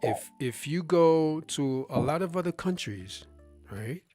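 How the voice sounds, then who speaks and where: Speaking slowly and expressively, a livestream host with a slightly high, darkish voice leads a casual discussion against faint music. He's emphatic, puts rhetorical questions to the listener and often restarts what he's saying.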